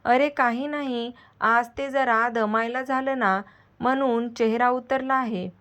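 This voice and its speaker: A woman voicing a gentle, wise middle-aged aunt who soothes and gently scolds her nephew. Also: on the high side, fairly even intonation, measured pace.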